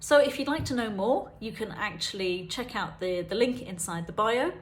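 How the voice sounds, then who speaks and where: A woman's voice: medium pitch, animated, moderate pace, a little hiss or hum. A woman, a dyslexia specialist, explaining spelling and reading directly to the viewer in a teaching video. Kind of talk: talking-head teaching video.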